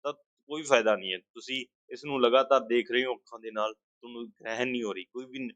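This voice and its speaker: A man's voice: medium pitch, fast, a bit bright, no echo, muffled recording. A man teaching an exam-prep language lesson, explaining with repeated everyday examples and asking and answering his own questions.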